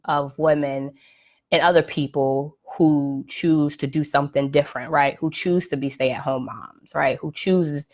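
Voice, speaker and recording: Low-voiced woman hosting a live podcast. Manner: conversational, frequent "right?" and "um" fillers. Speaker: podcast host. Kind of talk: casual live-stream monologue. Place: at home, live video stream. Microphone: computer or phone mic on a live stream.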